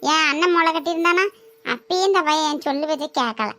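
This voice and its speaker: A woman's voice: high-pitched, fairly quick, bright, forceful tone. Woman doing a ranting bitter mother-in-law. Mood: scornful. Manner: complaining, scornful rant. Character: nagging older mother-in-law, bitter and scolding. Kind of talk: family skit acting.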